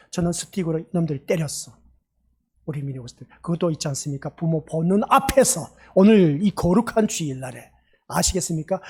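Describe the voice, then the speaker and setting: Husky-voiced man preaching a sermon. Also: sits high, a little mellow. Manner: emphatic, peppers talk with rhetorical questions to the congregation. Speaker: pastor. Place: church sanctuary.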